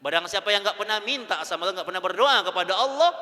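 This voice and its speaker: A man preaching a sermon in a mosque hall, lively, swinging between loud emphasis and soft asides. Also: sits high, fast talker. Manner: addresses women listeners as "Bu".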